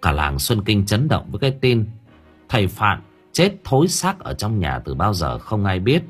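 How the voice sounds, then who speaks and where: An audiobook narrator reads a horror story with vivid drama, his husky voice rising and falling expressively at a normal speed. Faint music plays underneath.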